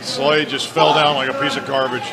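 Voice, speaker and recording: A man's voice: medium pitch, flat delivery, moderate pace. A middle-aged man giving live pro wrestling color commentary, wisecracking and needling his partner. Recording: noisy venue with loud crowd. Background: wrestling crowd.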